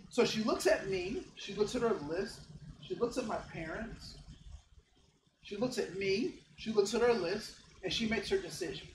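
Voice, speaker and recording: High-voiced man leading a workshop. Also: a bit bright. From Ohio, United States. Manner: conversational, joking, checks in with audience. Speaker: diversity trainer. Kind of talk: interactive workshop talk. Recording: echoey room, faint background hum.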